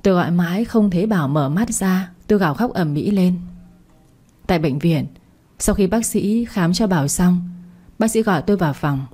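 Brief: woman storyteller, low and warm, steady first-person narration. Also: moderate pace, breathy edge.

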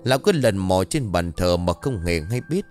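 A man's voice: low-pitched, very animated, moderate pace, a little mellow, faint music behind. A man narrating a scripted horror story in a dramatic, vivid storytelling manner.

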